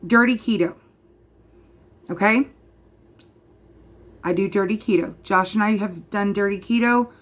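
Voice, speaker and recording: A woman's voice: mid-range voice, fairly bright tone. A woman in her thirties ranting passionately to camera as a vlogger, emphatic and repeating her points straight to the viewer. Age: 30s. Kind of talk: passionate direct-to-camera rant.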